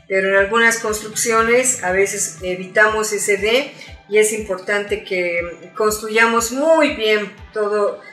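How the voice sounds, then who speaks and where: A woman's voice: medium pitch, a bit bright. A woman teaching a spoken lesson, explaining patiently step by step with examples and little asides. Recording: roomy echo with faint music.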